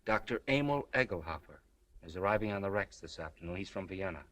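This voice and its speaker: Low voice, halting, tender, earnest newspaperman, 1930s screwball comedy banter. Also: expressive, fairly bright tone. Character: earnest, smitten newspaperman, awkwardly gentle and solemn.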